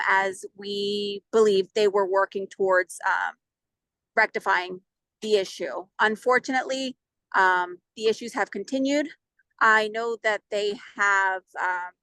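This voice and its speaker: A woman calling into a council meeting over a video call, her voice coming through bright and a little sharp. The sound is dry and close. She reports steadily and pauses often. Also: medium pitch, no room sound, rough recording. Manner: measured, with frequent "um" pauses. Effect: heard over a video call line. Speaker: city public works staff member.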